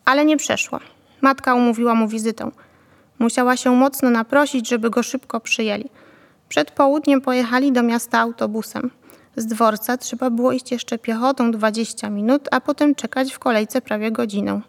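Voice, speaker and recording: A woman narrating a novel in a calm, even storytelling manner. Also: a little high, moderate pace, long reverb tail. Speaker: audiobook narrator.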